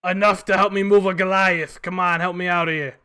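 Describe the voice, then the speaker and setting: A man voicing a gruff, demanding older hobgoblin in a tabletop fantasy game. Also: high voice, flat delivery, a little fast, pitched above the performer's own voice. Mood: impatient bargaining. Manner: loud, urgent, demanding. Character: gruff, pushy older male hobgoblin hustler.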